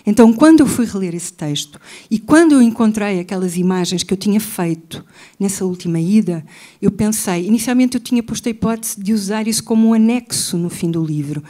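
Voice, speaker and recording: A woman's voice: mid-range voice, dark tone. A woman with a European Portuguese accent, a writer and journalist speaking as an interview guest, talking intensely and repeating key phrases for emphasis. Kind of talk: impassioned interview talk.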